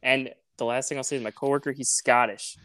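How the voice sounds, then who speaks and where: A man's voice: mid-range voice, steady tone, fast, fairly bright tone, no echo. Male co-host, casual storyteller, stumbles and restarts, dry close recording. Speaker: podcast co-host. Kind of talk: casual podcast chat.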